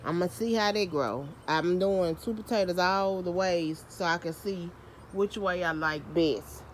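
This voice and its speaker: Woman vlogger, lowish voice, drawn-out easygoing delivery, talking to her phone camera outside in the yard. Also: slight background noise. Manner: chatty, self-mocking, uses Southern US slang. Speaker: home gardener and vlogger. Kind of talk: casual garden tour. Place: outdoor backyard garden. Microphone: handheld phone camera.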